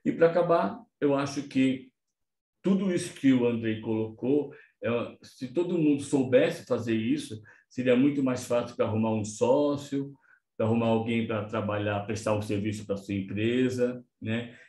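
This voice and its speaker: A Brazilian man telling a personal story in an online meeting, acting out the dialogue with big swings in his voice. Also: moderate pace. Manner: animated, acts out dialogue with big pitch jumps. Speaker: meeting participant, entrepreneur. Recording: echoey room.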